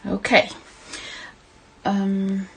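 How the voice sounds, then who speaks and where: A middle-aged woman with a Finnish accent hosting a casual craft tutorial, speaking in a gentle, halting way. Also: medium pitch, monotone, slightly rough, low-quality recording. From Finland. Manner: gentle, hesitant, halting delivery with affectionate address to viewers. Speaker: craft livestream host.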